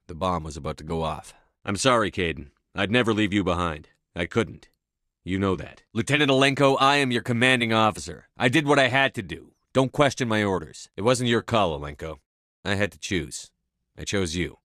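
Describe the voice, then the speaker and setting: A man's voice: fairly low pitch, fairly bright tone, dry recording, studio quality. A man voicing a resolute, stern military commander in a video game, with a firm, commanding, clipped delivery. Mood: somber. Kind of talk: video game dialogue acting.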